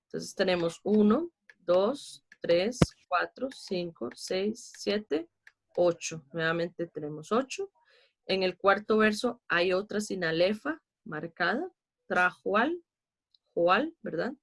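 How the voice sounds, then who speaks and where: Costa rican lady teaching a class online, patient, counts syllables out loud one by one. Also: on the low side, lively intonation, takes it slowly, vocal fry. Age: adult with a child. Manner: patient, explains step by step, counts syllables aloud.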